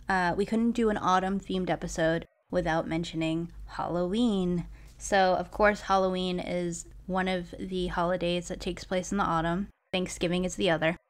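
A woman's voice: fairly low pitch, fairly bright tone. A young woman from Massachusetts hosting a podcast, chatting casually and reading facts aloud. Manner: chatty, giggly, reads facts from notes. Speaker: podcast host.

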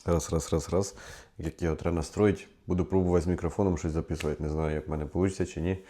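A man's voice: sits low, fairly even intonation, very fast, warm tone. A man talking casually to camera at home, rambling and thinking aloud while he counts into a clip-on microphone he is testing. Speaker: vlogger. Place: at home, later in a kitchen. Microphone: clip-on microphone under test.

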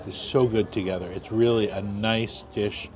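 A man hosting a food vlog, calmly explaining each dish step by step in casual commentary, on a busy street. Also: fairly low pitch, normal speed. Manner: easygoing, explains dishes step by step. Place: outdoors on a busy city street. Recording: busy crowd noise outdoors. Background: crowd chatter and passing traffic.

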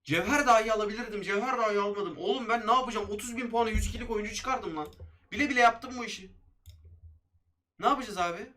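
Fast hyped-up young gamer man. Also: high voice. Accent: Turkish.

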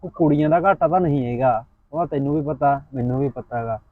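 A man's voice: a little high, fast talker, dry recording, natural voice. A man playing a lovesick young village guy. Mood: confiding. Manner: mournful and pleading, dropping his voice. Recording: tinny phone-like sound.

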